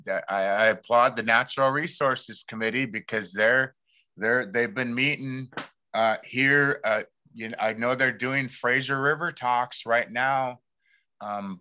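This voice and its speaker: A man hosts an informal community talk show at a slow pace, with a bright, forceful voice. His delivery is halting, and he often repeats a word while he finds the next. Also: mid-range voice. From Lummi community, Pacific Northwest United States. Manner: halting, repeats words as he searches for them.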